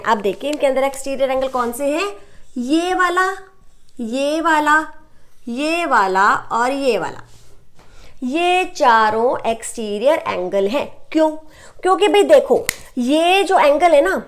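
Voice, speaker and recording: A woman's voice: high-pitched, fairly bright tone. A young Indian woman teaching a maths lesson, explaining step by step in Hindi mixed with English terms and often checking in with "right?".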